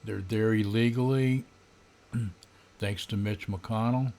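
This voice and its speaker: Older American male, 70s, lowish voice, halting and disdainful, grumbling political rant at a desk mic. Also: steady tone, a little mellow. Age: older, around 70s. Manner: grumbling old-man rant, disdainful and sardonic; halting, with frequent throat clearing. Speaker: political vlogger. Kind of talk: unscripted political rant to camera. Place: small home room, indoors. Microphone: desk condenser microphone.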